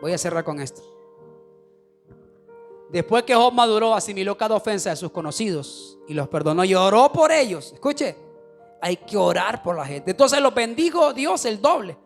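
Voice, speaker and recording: A male pastor preaching a sermon, with shouted, sing-song climaxes and quieter, confiding asides. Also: sits high, sing-song, normal speed, faint music behind. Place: church.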